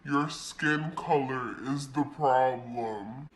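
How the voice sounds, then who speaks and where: A young woman voicing a hostile older woman of about sixty or seventy, speaking slowly and coldly. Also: a bass voice, pitched below the performer's own voice, rough recording. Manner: slow, cold, commanding.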